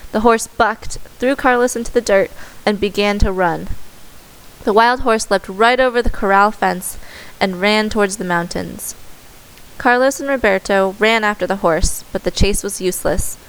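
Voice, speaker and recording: A woman reading a children's story aloud in steady scripted narration, with the odd small self-correction. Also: medium pitch, clear, resonant tone, poor audio.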